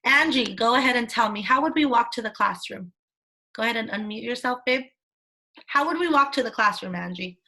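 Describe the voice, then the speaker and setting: A woman's voice: a little high, lively intonation, brisk, sharp tone. A woman teaching a children's class over a video call, encouraging and sing-song as she prompts her students. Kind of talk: online class lesson for children. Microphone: laptop mic on a video call.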